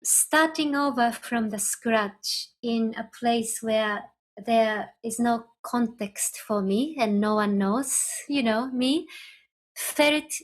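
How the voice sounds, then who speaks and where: A Japanese woman, a native speaker with a Japanese accent and a voice on the high side, appears as a guest in a podcast interview. She talks thoughtfully, pausing and restarting along the way.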